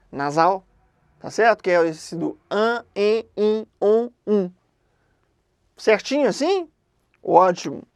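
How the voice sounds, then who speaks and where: A woman teaching an exam-prep grammar lesson in a conversational way, often checking in with quick questions. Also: medium pitch, gravelly, no room sound.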